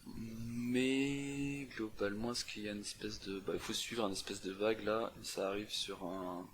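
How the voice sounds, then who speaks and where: A young man presenting a CTF walkthrough speaks in a lowish, steady voice at a moderate pace over slight background noise. In this casual screen-recorded session he thinks aloud about a map puzzle on screen, with many fillers and restarts.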